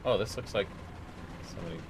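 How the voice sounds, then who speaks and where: A man streaming a game live, talking excitedly to himself and a teammate and swearing now and then. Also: lowish voice, fast, slight background noise. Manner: excitable, swears, rambles aloud during play. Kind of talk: live gameplay commentary. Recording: loud game sounds behind.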